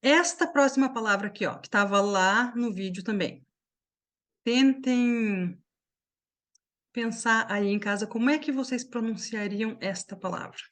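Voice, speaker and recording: A woman from Brazil teaching an online English class, explaining pronunciation slowly and often checking that her students follow. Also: on the high side.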